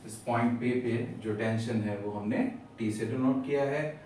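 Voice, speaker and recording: A man's voice: mid-range voice, fairly even intonation, moderate pace, darkish tone. Echoey man teaching maths, patient. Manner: patient, explains step by step, repeats terms. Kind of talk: classroom lecture at a board. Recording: echoey room from far off, faint hiss.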